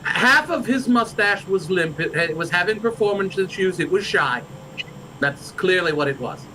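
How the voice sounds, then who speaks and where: A man's voice: high-pitched, expressive, normal speed, a loud crowd, rough recording. A man hosting a livestream, chatting in character in fantasy improv, stammering and rambling with many restarts. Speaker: livestream role-play host.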